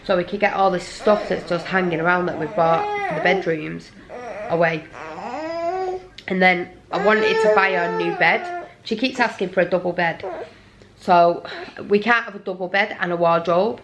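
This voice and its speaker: A woman's voice: on the low side, lively intonation, moderate pace, a crowd in the background. A tired woman rambling apologetically in a casual home vlog. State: exhausted. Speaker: parent vlogger. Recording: noisy home recording.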